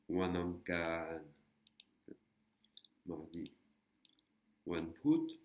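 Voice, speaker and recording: Male teacher, low voice, slow and patient, hesitant explainer. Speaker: language teacher. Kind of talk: screen-recorded lesson.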